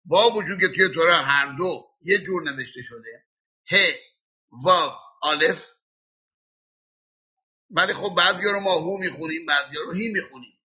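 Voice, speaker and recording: Male religious teacher, bright and husky, patient step-by-step explainer, dull lo-fi recording. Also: a little high. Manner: explains slowly, spelling out letters and sounds by example. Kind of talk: classroom lesson.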